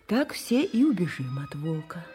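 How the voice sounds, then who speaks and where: A woman voicing a gentle, anxious mother deer in an audio fairy tale, soft and breathy. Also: on the low side, big pitch swings, normal speed, music in the background. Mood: anxious, tender.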